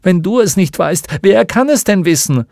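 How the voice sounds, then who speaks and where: A man's voice: high voice, lively intonation, moderate pace, creaky, a little mellow, no echo, pitched above the performer's own voice. A male audiobook narrator voicing a young boy hero who calls out urgently in a raised, pleading voice. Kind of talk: audiobook character voice. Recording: dry studio audiobook.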